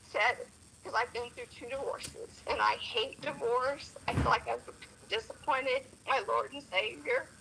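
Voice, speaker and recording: A woman calling in by phone, telling a personal story in a soft, apologetic, emotional way. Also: on the high side, vocal fry, noisy background. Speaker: phone-in caller. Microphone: phone on speaker.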